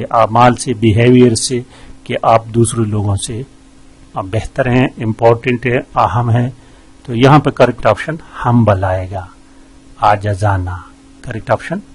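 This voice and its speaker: Slow, husky-voiced man teaching. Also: medium pitch, low-quality recording. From Pakistan. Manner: slow, methodical, many hesitations. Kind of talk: explaining vocabulary quiz answers.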